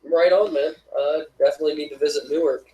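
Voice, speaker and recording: A man's voice: a little high, steady tone, warm tone, lo-fi sound. A man hosting a casual live-stream chat, asking curious, teasing questions. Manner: teasing, curious, quick to laugh. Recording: roomy echo.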